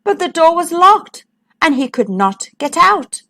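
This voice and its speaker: Woman storyteller reading a kids' picture book, bright pitch, very animated. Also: unhurried. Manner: expressive, sing-song storytelling. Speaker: children's storyteller.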